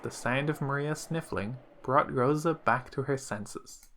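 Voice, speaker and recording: A man reading a visual novel aloud in a steady storytelling manner. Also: medium pitch, measured pace, a little hiss or hum. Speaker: let's play narrator.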